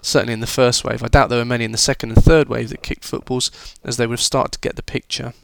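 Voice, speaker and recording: A man's voice: medium pitch, steady tone, fast talker, creaky, dry recording. A man talking students through a history lesson in a chatty, informal way, with fillers and restarts. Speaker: history teacher.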